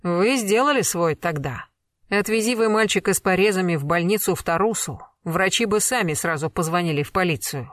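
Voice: mid-range voice, a little fast, a bit bright, no room sound, studio quality, natural voice. A reader voicing a stern former colonel who interrogates a suspect relentlessly in an audiobook. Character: stern commanding male investigator, a former colonel. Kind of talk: audiobook character reading.

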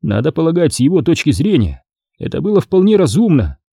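A man's voice: fairly high pitch, wildly swooping pitch, a little fast, gravelly, dark tone, husky, dry recording, voice pushed up, heavily acted. A man voicing a wry, weary adventurer in an audiobook, dry and tired in manner. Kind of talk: audiobook character voice.

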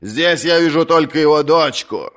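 A man voicing a lame, rough sea captain who jeers and shouts from the crowd, in an audiobook reading. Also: fairly high pitch, expressive, moderate pace, voice pushed up. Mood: jeering. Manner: shouting, jeering.

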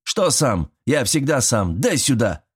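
A man voicing a gruff, bossy one-armed elderly school caretaker and war veteran who barks and scolds his son. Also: mid-range voice, big pitch swings, measured pace, pitched above the performer's own voice. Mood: angry. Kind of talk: audiobook character voice.

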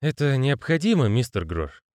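A male reader voicing a nervous, quick-tongued con man. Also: medium pitch, very animated, a little mellow, no room sound, studio quality, voice pushed up, natural voice. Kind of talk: audiobook character voicing.

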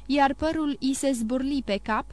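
Brief: female audiobook narrator, measured expressive reading, higher voice, dry close mic. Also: no room sound. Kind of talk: scripted narration of a classic novel.

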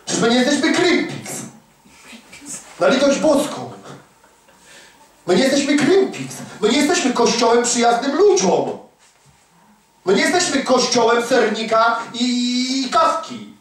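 A man preaching a fervent, emphatic sermon, swinging from hushed asides to near-shouts. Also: very high-pitched, big pitch swings, measured pace, long pauses. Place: church prayer hall. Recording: very echoey hall, from a distance.

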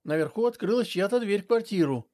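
A man narrating a story in a measured, steady audiobook style. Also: high-pitched, background noise.

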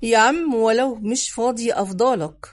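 A worn-out Egyptian man speaking in a subdued way, as voiced by a woman. His voice sits a little high for a man, as in an audiobook. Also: moderate pace, natural voice. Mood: weary. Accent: Egyptian Arabic. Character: weary adult man, the story's narrator in dialogue. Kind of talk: audiobook character voice.

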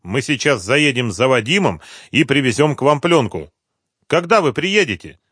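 A man's voice: mid-range voice, very animated, moderate pace, a bit bright, husky, no echo, studio quality, voice pushed up. A man voicing a male caller posing as a friend, speaking in a persuasive, reassuring way. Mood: smooth reassuring.

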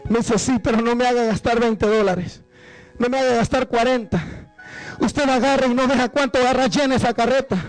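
A man's voice: fairly even intonation, moderate pace, soft background music, poor audio. A man from Guatemala, preaching an evangelical sermon as a guest preacher and rising into fervent preaching. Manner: rises to fervent, high-pitched preaching.

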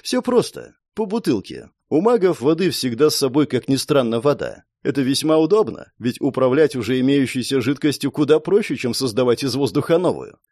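Animated male audiobook narrator. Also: mid-range voice, brisk, hardly any pauses, no room sound, studio quality. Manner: expressive, animated storytelling.

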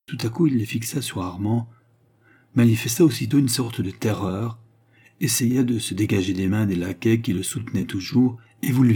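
Guy narrating an old novel, steady pace, mellow dark husky voice. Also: on the low side. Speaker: audiobook narrator. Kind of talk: scripted narration.

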